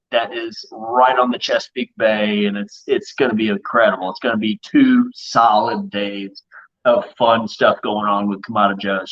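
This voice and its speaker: A man chats as a guest chef on a live show, excitable and quick to launch into the next story. His voice sits in a middle register. The audio is dull and lo-fi, as from a home stream. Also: medium pitch. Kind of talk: casual live-stream chat.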